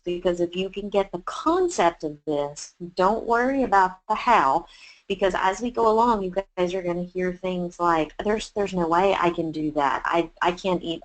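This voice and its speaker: Here a chef from Texas runs a webinar presentation, talking listeners through it warmly and chattily with lots of filler words. She has a Texan accent and a lowish voice, captured on a low-quality recording.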